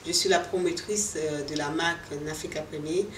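A woman's voice: low-pitched, normal speed, slight background noise. A middle-aged woman from Cameroon, a fashion designer and boutique owner, answering interview questions in an earnest, hesitant way with many fillers and restarts. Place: indoor boutique, seated. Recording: echoey room, voice from a distance, music underneath.

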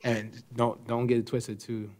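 A young man who plays basketball fields reporters' questions after a game, speaking into a desk mic in a press room. He talks a little slowly at a medium pitch, staying relaxed and reflective while dropping plenty of "um"s and "you know"s.

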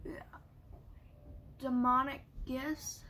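A woman's voice: high-pitched, little pitch movement, extremely slow, sharp tone. A woman hosting a casual pack-opening vlog, reading card names aloud and humming little sound effects. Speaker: channel host.

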